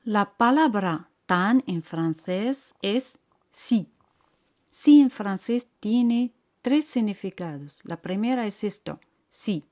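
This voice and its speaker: A woman teaching French to beginners, repeating each word and phrase slowly and patiently. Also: medium pitch, expressive, darkish tone. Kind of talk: slow language lesson with repeated model phrases.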